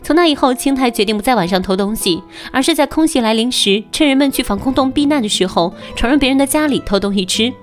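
A woman's voice: a little high, animated, fast, hardly any pauses. A woman narrating a film recap in a scripted storytelling style. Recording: narration over faint background music.

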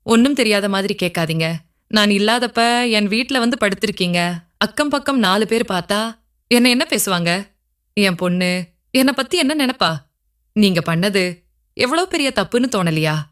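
A woman's voice: medium pitch, animated, normal speed, pauses often, a bit bright, smooth, close to an everyday voice. A tearful, worried mother pleads in a told story, voiced by a woman narrator. Her voice sounds near tears and urgent. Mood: reproachful. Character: anxious single mother, a tender woman pleading.

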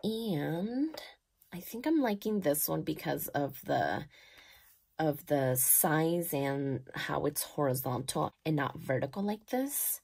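A woman in her thirties chatting casually as she decorates her planner, gushing and thinking aloud, sometimes dropping soft. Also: low-pitched, lively intonation, takes it slowly, vocal fry, a little hiss or hum. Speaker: planner vlogger.

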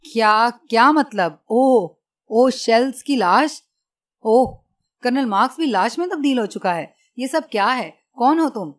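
A woman's voice: medium pitch, lively intonation, normal speed, close to an everyday voice. A woman voicing a frightened middle-aged male lab engineer in an audiobook, stammering and pleading with his captor. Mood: shocked.

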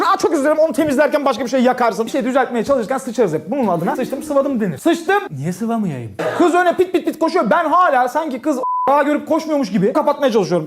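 A man's voice: very high-pitched, noisy background. A young man telling a stand-up comedy story on stage and acting out other people's voices as he goes. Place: comedy stage before an audience. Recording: live show with loud audience laughter.

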